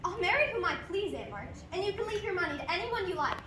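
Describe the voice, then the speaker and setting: Casting: actress as very high-pitched romantic young woman, earnest and proud, stage drama, noisy distant recording. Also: sing-song, fast talker. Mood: defiant. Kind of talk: amateur stage play acting. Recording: distant, echoey room, noisy.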